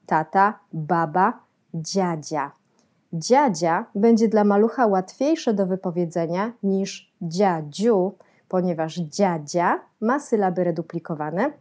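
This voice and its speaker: Mellow-voiced woman explaining child speech. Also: mid-range voice. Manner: clear, measured, sounds out syllables slowly as examples. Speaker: speech therapy educator. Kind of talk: calm instructional explanation for parents.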